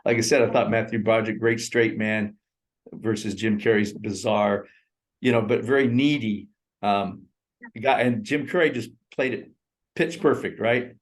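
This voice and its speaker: A man in his sixties, based in Thailand, co-hosts a casual movie review over a remote call. His voice sits on the low side and moves at a moderate pace, and he talks in a rambling, animated way, laughing often.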